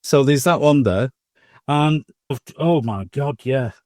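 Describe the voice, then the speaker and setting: A man of medium pitch and darkish tone takes his time, recorded dry with clean studio sound. He co-hosts a modelling podcast and casually rambles through shopping anecdotes, punctuated by laughter and restarts.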